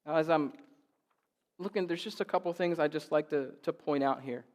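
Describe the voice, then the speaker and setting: A man's voice: a little high, normal speed, darkish tone, in a large hall. A male pastor in his forties preaching a sermon in a church, driving his points home with emphatic, repeated phrases.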